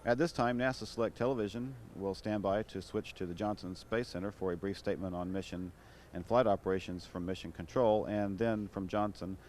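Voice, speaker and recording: An American man giving live launch commentary in a measured, official manner. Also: on the low side, steady tone, a little mellow. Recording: noisy broadcast with background ambience.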